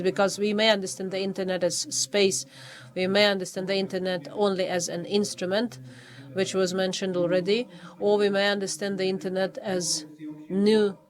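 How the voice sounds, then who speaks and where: Serving as official reviewer at a doctoral defense, a man from Poland reads aloud his formal assessment in English. He stumbles and restarts often, pausing frequently, while his pitch remains level and flat from start to finish.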